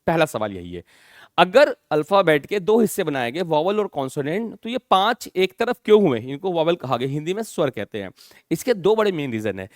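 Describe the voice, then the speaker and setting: A male English teacher with an Indian accent lecturing students in Hindi mixed with English. He keeps calling them "children" and asking check questions, and he dictates definitions slowly, word by word. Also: fairly high pitch, big pitch swings, no echo, studio quality. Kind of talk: classroom lecture.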